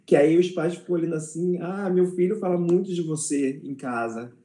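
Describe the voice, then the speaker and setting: A man's voice: a little high, normal speed, mellow, echoey room. A Brazilian man interviewing in a casual chat, talking about hugging the children at the school where he works. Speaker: interviewer, teacher.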